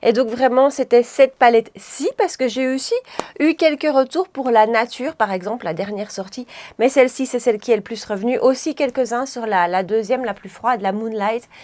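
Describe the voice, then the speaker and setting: A woman talks viewers through her makeup in a loose, chatty way, doubling back and correcting herself as she goes. Her voice sits a little high for a woman. It has the easy feel of a home tutorial. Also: normal speed, darkish tone. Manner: chatty, rambling, frequent self-corrections. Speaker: beauty vlogger. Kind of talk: casual makeup tutorial chat.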